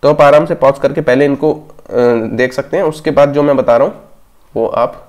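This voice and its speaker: A man's voice: on the high side, steady tone, normal speed, a little mellow. A man teaching exam grammar rules, explaining step by step and often checking in with listeners. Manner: explanatory, repeats "theek hai" as a check-in. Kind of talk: exam grammar lesson in Hindi-English mix.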